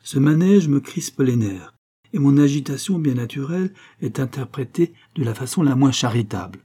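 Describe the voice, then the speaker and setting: A man's voice: medium pitch, animated, normal speed, dark tone, slightly rough, pitched above the performer's own voice. A man reading aloud, voicing a haughty aristocratic lady with a cold, mocking, imperious manner.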